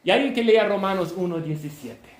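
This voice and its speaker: A man preaching a sermon, emphatic and half shouting, often checking in with listeners. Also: high voice, animated, a little fast. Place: church hall. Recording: echoey church room.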